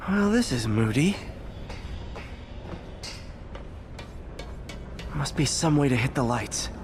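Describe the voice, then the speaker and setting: A man voicing an earnest, wisecracking young superhero who thinks aloud as he investigates in a video game. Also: fairly high pitch. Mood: wry.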